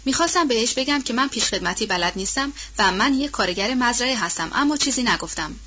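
Big Sam, a woman reading him: a husky burly farmhand. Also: fairly high pitch, expressive, bright, forceful tone, exaggerated voice. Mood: warm. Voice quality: heavy husky voice. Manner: colloquial rustic speech. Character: burly loyal male former farmhand, warm and overjoyed. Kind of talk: audiobook character reading. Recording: dull lo-fi audio.

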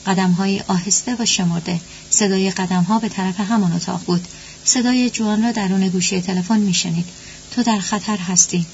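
A woman narrating a story at a steady, even pace. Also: mid-range voice. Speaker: audiobook narrator. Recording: dull lo-fi with faint hum.

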